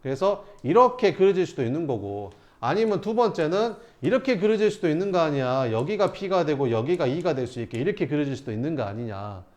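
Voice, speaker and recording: A man's voice: on the high side, big pitch swings, brisk, hardly any pauses, darkish tone. A man teaching math to students, asking rhetorical questions and answering them himself. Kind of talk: lecturing students through problems.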